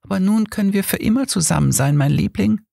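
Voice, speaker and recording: A man's voice: high voice, lively intonation, fast, vocal fry, warm tone, no room sound, clean studio sound, voice pushed up, heavily acted. A man voicing the ghost of a dead wife who coaxes and pleads seductively.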